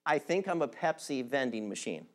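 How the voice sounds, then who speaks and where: A man voicing a deadpan man who believes he is a vending machine, lower and quieter than his own voice, in a sermon joke. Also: moderate pace, close to an everyday voice.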